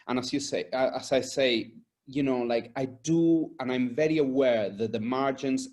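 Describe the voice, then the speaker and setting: An earnest man from Argentina and Spain, Spanish being his first language, is interviewed about his work as an environmental and safety consultant and answers conversationally. His voice is mid-range and darkish.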